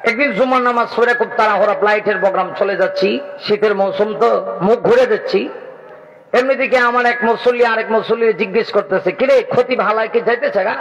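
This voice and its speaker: A man delivers a lively sermon to a large outdoor gathering, teasing and questioning his listeners, then rising into sing-song chanting. His voice is unusually high. It carries through a PA system with a long echo and a somewhat dull, muffled tone. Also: fairly quick. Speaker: preacher. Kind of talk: Bengali waz sermon.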